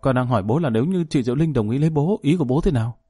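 A man's voice: medium pitch, expressive, very fast, mellow, slightly rough, no room sound, faint music behind. A man voicing a grown daughter who coaxes and presses her father insistently. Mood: coaxing. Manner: coaxing, insistent. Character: grown daughter, persistent and coaxing.

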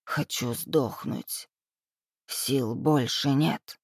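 A reader voicing a cruel, dying older man bound to a bed, hoarse and sneering, in an audiobook. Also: medium pitch, very slow, dry recording, studio quality, pitched below the performer's own voice, full character voice. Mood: gloating menace. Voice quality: hoarse, wheezing. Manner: sneering, hissing, gloating. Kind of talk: audiobook character voice.

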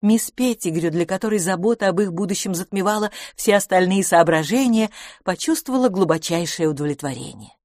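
A woman reads a novel aloud with expressive storytelling. Her voice sits on the low side, yet the melody rises and falls freely. The recording is close and dry, with no room behind it. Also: brisk, no room sound. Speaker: audiobook narrator. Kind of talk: audiobook narration.

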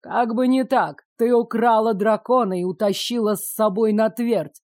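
A cruel, power-hungry sorcerer sneers in a slow, gloating drawl, as a woman narrator puts him on. The voice sits lower than her own and stays mellow. The audiobook recording is dry and close. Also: fairly even intonation, no room sound, lightly acted. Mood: mocking.

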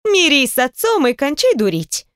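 A woman voicing a lively, bossy, caring middle-aged stepmother in an audiobook, high and animated in her scolding. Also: normal speed, dry recording, studio quality. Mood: pleading.

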